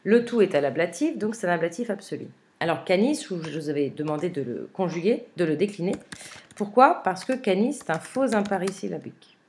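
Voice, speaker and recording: Woman, Latin teacher; fairly low voice, patient word-by-word glossing, halting delivery full of fillers. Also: expressive, darkish tone, slight background noise. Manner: hesitant, with frequent "euh" fillers and restarts; reads Latin slowly, then glosses it word by word. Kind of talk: remote lesson, explaining a translation.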